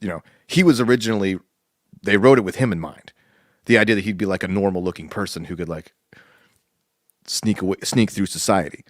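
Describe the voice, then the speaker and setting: Low-voiced guy rambling on a podcast, laughs a lot, dead dry mic. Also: brisk, long pauses, dry recording. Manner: rambling, laughs often, quotes people in put-on voices. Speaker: podcast co-host. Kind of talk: casual chat.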